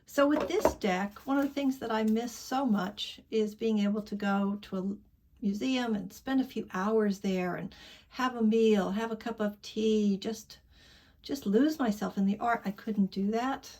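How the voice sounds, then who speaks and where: A woman vlogging about tarot in casual chat, candid and rambling, trailing off into soft asides. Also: medium pitch, measured pace.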